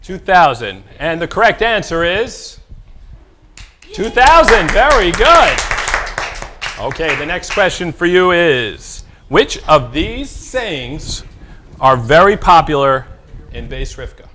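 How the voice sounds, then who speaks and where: A man's voice: fairly high pitch, big pitch swings, takes it slowly, bright, forceful tone. A man hosting a fundraising broadcast, running a playful trivia quiz with teasing jokes. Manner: jokey, teasing, exaggerated repetitions.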